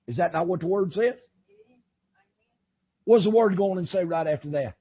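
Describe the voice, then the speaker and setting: A man preaching an impassioned sermon, swinging from shouting to low, intense talk. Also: normal speed, slightly rough, lo-fi sound. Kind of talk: fiery sermon.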